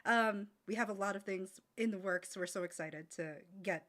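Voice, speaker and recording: A woman hosting a casual livestream in a cute, bubbly anime-streamer manner with excited exclamations. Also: mid-range voice, moderate pace. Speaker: streamer host and voice actor.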